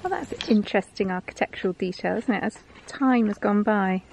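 A woman's voice: medium pitch, big pitch swings, brisk, creaky, noisy background. Chatty woman on a village walk. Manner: chatty, curious, remarks on buildings. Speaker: walking vlog co-host. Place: outdoors, walking through a harbour village.

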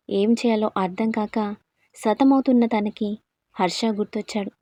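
Mellow woman narrating a dramatic story. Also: mid-range voice, no echo. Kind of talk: scripted narration.

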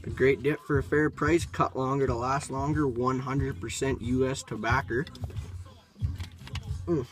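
A man's voice: mid-range voice, fairly even intonation, a little slow. A young man in casual vlog chat, talking around a packed wad of chewing tobacco with sweary, laid-back slang, recorded inside a truck cab. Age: young adult. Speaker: product reviewer. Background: music playing.

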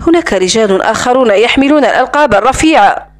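A woman's voice: high-pitched, animated, brisk. A woman reading the lines of a proud, angry young woman held captive, in a defiant, curt tone.

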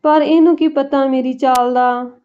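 A woman's voice: sits high, fairly even intonation, a little slow, muffled recording. A woman voicing a sly, scheming young wife in a village household, in a told story. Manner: sly, plotting.

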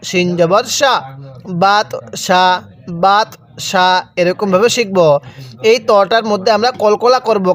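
A man with a Bangladeshi Bengali accent, teaching Quran reading in a spoken tutorial, sounding out letters slowly one by one. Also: sits high. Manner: slow, drawn-out letter-by-letter recitation.

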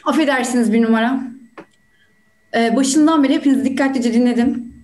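A woman playing a polite, thoughtful juror, asking measured questions over a video call. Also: a little high, a little mellow, slight background noise, close to an everyday voice. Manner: measured, courteous. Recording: roomy room sound.

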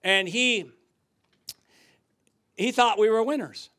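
An older man preaching a sermon in a church, telling stories and swinging from loud outbursts to hushed asides. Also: high voice, takes it slowly. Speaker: guest preacher. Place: church sanctuary.

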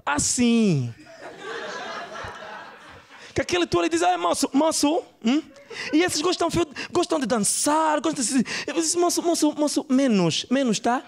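Man doing a brassy Angolan woman, very high gravelly voice, gossipy, chatty storyteller. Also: a little mellow. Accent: Angolan Portuguese. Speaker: stand-up comedian. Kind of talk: stand-up character bit. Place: comedy club stage.

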